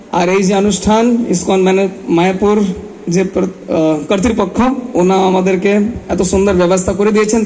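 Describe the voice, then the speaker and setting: A man giving a spoken welcome as host of a religious event, speaking the halting Bengali of a non-native speaker. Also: sits high, mellow, low-quality recording. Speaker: event host and master of ceremonies at a religious festival.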